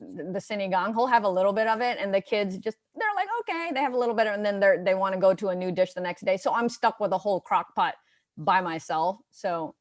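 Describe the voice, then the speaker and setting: A middle-aged woman from the United States talks casually as a guest. She rambles, stops and restarts often, in a voice of middling pitch. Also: expressive, fast talker. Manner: chatty, rambling with many restarts and fillers. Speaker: guest on a comedy variety show. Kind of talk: casual chat.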